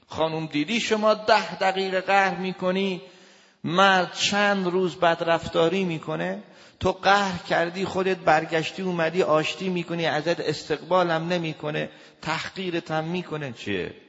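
A man giving a lecture as a family counselor. He talks emphatically, swinging between loud raised lines and low, quiet asides. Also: big-room sound, lo-fi sound. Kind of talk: lecture to an audience.

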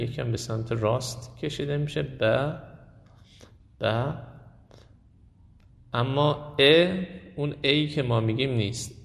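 A man with a gravelly voice of middle pitch teaches a Quran recitation class. He talks slowly and hesitates often, and he repeats sounds aloud to show how they are said. His voice carries a long echo, as if he is speaking in a large hall. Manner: explains slowly with many hesitations, demonstrates sounds by repeating them. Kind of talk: classroom lesson.

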